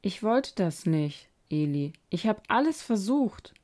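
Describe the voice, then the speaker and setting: A woman's voice: mid-range voice, very animated, unhurried, dark tone. Woman reading as a timid wooden puppet boy. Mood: pleading. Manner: timid and unsure.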